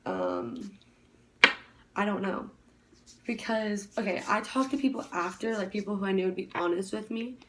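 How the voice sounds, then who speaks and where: A young woman vlogging in a relaxed, chatty way. She rattles through her story at high speed and fills it with "like" and restarts. Her voice sits at an ordinary middle pitch. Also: a little hiss or hum. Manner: talks very fast, rambling with many "like" fillers. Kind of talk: casual chat.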